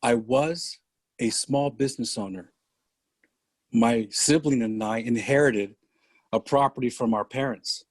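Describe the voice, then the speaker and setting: An older man from San Francisco, a podcast guest telling his story slowly and deliberately over a video call. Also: medium pitch, slightly rough, no echo. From San Francisco, USA. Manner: slow, deliberate storytelling with pauses. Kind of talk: conversational interview.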